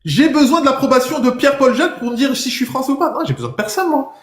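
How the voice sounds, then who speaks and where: A man's voice: extremely high pitch, very animated, fast talker, fairly bright tone, reverberant. A middle-aged French man hosting a live stream, pressing his guest with emphatic, insistent questions. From France. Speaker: TikTok live host. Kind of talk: heated live-stream debate.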